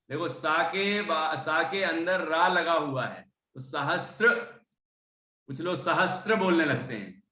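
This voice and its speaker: A man teaches a devotional text, explaining each point and chanting each line slowly so his students can repeat it. His voice sits a little high and sounds bright and forceful. The room around him is roomy and echoey. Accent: Hindi speaker from Indore, central India. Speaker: religious teacher. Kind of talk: devotional text lesson with recitation.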